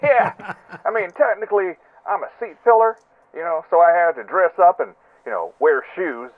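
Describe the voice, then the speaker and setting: A man's voice: sits high, animated, normal speed, no echo. A man putting on a goofy, oversharing male caller who rambles cheerfully in a voicemail left over a phone line. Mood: rambling. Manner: rambling, chummy, self-important. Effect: heard over a phone line as a voicemail message. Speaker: recurring comic caller. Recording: tinny, dry phone line.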